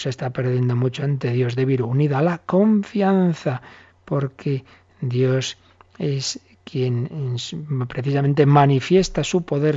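Husky priest explaining the catechism. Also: male voice, mid-range voice. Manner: animated storytelling, acts out little dialogues. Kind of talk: catechism lesson commentary. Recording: dull lo-fi recording.

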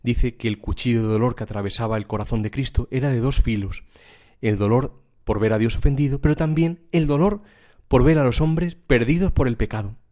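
A man's voice: medium pitch, fairly quick, dark tone. A man preaching a devotional sermon and reading a spiritual text aloud, in an earnest, emphatic cadence.

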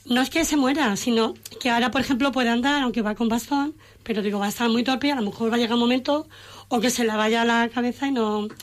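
Chatty middle-aged woman. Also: on the high side. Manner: warm storytelling, emotional, quotes family in dialogue. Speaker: radio guest. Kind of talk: casual radio chat.

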